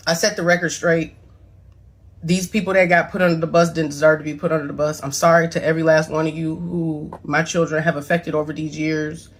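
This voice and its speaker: A woman's voice: low-pitched, flat delivery, a little fast. A woman close to tears in a rambling, profane confessional video monologue, apologizing and defending herself as a mother. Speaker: mother addressing her son's claims.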